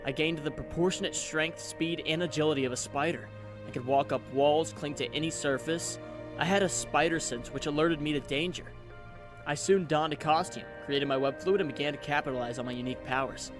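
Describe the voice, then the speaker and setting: A man's voice: a little high, a little fast, music in the background, close to an everyday voice. A man voicing an earnest, self-doubting and wry young superhero in a comic book dub, with theatrical delivery. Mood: earnest storytelling.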